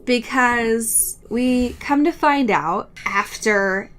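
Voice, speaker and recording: With a somewhat bright, high-leaning voice, this American podcast co-host draws out her words. She chats loosely through a comedic book recap, slangy and giggly, playing up exaggerated exasperation.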